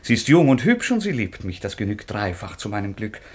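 An actor playing an impulsive young nobleman in a radio drama, speaking low, earnest and quietly intense. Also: very animated, brisk, husky. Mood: defiant. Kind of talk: studio radio drama acting.

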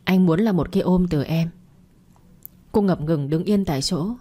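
A woman narrates a romance story and voices the characters' dialogue herself. Her voice sits on the low side and sounds warm and mellow. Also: moderate pace.

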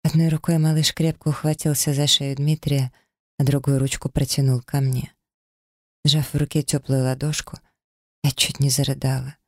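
A man's voice: mid-range voice, flat delivery, normal speed, no room sound, clean studio sound. A man reading a first-person story as an audiobook narrator, dramatic and emotional.

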